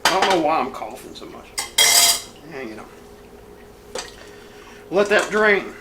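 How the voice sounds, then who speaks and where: A man's voice: fairly high pitch, very animated, measured pace, reverberant, very noisy. A man hosting a casual home cooking show, talking in a rambling, profane, folksy way from his kitchen.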